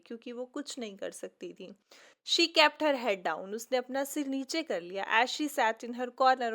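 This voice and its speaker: A woman teacher explaining an English story line by line, reading each line slowly and then explaining it in Hindi. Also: high voice, a bit bright.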